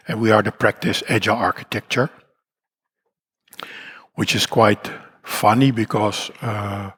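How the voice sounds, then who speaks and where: This conference talk comes from a Dutch-accented man from the Netherlands whose croaky voice is lowish yet fairly bright in tone. Speaking in a conference hall, he rambles, makes fun of himself, and keeps restarting amid plenty of fillers.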